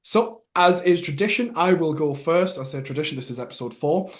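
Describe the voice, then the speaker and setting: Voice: medium pitch, expressive, fairly quick, faint music behind. A host running a casual panel guessing game, joking, giggling and stammering as they think aloud.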